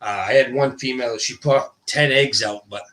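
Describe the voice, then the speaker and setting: Rambling and self-interrupting, the guest ball python breeder keeps things colloquial and relaxed on the livestream. He swaps W sounds in for R's because he can't say them. The man's medium-pitched voice is a bit bright and goes at a moderate pace.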